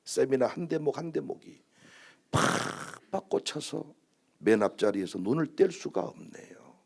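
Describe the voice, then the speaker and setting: A man's voice: mid-range voice, unhurried, gravelly, slightly rough. A man preaching a sermon as pastor, telling stories animatedly and acting out quotes. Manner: animated storytelling with acted-out quotes.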